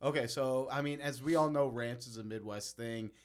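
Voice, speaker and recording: A man's voice: medium pitch, moderate pace. Chatty male podcast host. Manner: eager, agreeing and egging the guest on. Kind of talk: casual chat.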